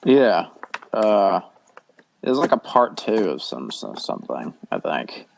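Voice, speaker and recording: A man co-hosting a casual music podcast, laid-back and joking, sometimes speaking in quick bursts. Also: low voice, wildly swooping pitch, vocal fry, slight background noise. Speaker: podcast co-host. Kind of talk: casual chat.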